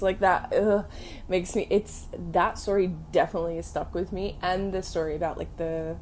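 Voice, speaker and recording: A young woman hosting a casual storytelling podcast, telling ghost stories in an animated, sweary way full of fillers. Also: on the low side, slight background noise. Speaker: podcast host.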